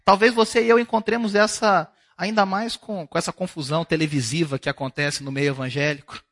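A man's voice: a little high, steady tone, a little fast, a bit bright. A male pastor preaching a sermon at a church service, talking to the congregation in a conversational way and asking them questions.

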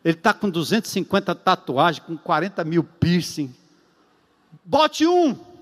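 A man preaching a sermon as a pastor, emphatic and repetitive, with long pauses and rhetorical questions. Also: fairly high pitch, fairly bright tone, big-room sound.

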